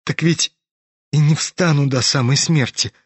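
Guy reading as a dying young man, hoarse and quiet, ironic and calm. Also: on the high side, measured pace, no echo.

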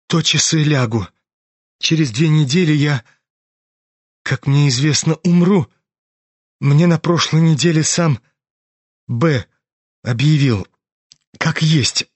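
A man voicing a dying young man who speaks quietly and hoarsely, with a calm, ironic edge. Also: a little high, slow, pauses often, no room sound.

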